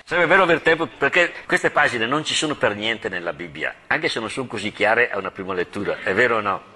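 Bright-voiced chatty Italian priest. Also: male voice, fairly low pitch, animated, quick pace, slight background noise. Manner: chatty, laughing asides, retelling scripture with dramatic quotes. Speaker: parish priest teaching the Bible. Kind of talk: informal Bible lesson.

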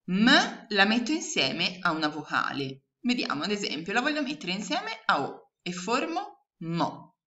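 A woman teaching young children online, slowly and patiently sounding out letters and syllables. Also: fairly low pitch, sharp tone. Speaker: primary school teacher. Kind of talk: remote lesson for young children. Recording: echoey room, dull lo-fi sound.

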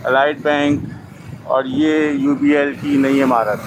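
A man's voice: mid-range voice, slow. A male vlogger narrating a motorbike tour, steadily pointing out buildings as he rides along an outdoor city road. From Pakistan. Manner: steady guided-tour commentary, naming buildings. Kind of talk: moto vlog tour narration. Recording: loud wind and traffic noise.

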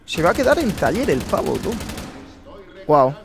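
Excitable young Spanish gamer, high voice. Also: male voice, normal speed, vocal fry. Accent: Spain Spanish. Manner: chatty, excitable, slangy, talks to viewers. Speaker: gaming YouTuber. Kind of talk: live gameplay commentary. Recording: noisy with game sound. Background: game sounds.

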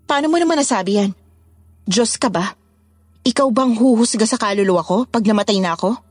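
Played by a woman, a proud, wealthy matron from a spoken horror story who answers with cutting sarcasm. Her voice is a touch high and breathy. It is recorded dry and close, with no room sound. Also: fairly quick, no echo. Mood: sarcastic. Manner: tearful, then cutting and sarcastic.

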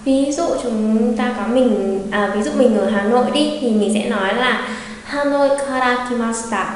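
High-voiced woman teaching in an echoey room. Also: a little mellow, slight background noise. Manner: patient, repeats example phrases slowly. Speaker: Japanese language teacher. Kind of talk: online language lesson. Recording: very echoey room with long reverb.

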